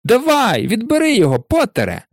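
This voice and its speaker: A man's voice: high-pitched, sing-song, moderate pace, darkish tone, no room sound, clean studio sound, pitched above the performer's own voice. Man voicing a sneering schoolboy bully. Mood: mocking. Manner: taunting, mocking.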